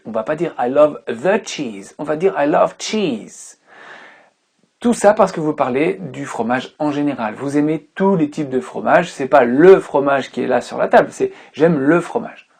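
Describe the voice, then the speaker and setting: A woman's voice: deep voice, animated, normal speed, creaky, a little mellow, husky. A woman teaching English grammar in a tutorial who patiently repeats each example word several times.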